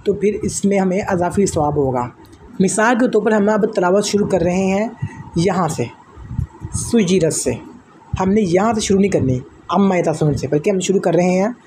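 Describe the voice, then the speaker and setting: A man's voice: high-pitched, mellow, slight background noise. A man teaching Quran recitation in a spoken lesson, patiently explaining step by step and posing questions he then answers himself, with chanted recitation examples.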